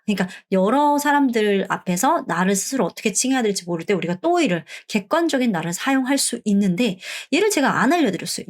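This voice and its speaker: A middle-aged woman from Korea teaches an online language lesson in a voice of ordinary pitch. She explains each point in friendly classroom talk, then slows right down and repeats the words with care so learners can copy them.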